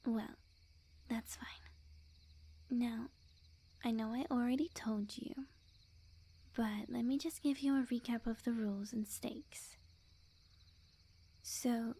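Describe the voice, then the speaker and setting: In a scripted ASMR roleplay aimed at the listener, a woman plays a lovestruck witch who is sweet outwardly but possessive beneath. Her fairly high, exaggerated voice is soft, mellow, very breathy and often whispered. She goes slowly, coy, teasing and overconfident.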